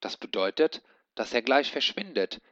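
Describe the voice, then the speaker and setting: A man voicing an excitable kobold girl in a shrill, agitated voice. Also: moderate pace, no room sound. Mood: alarmed. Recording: dull lo-fi recording.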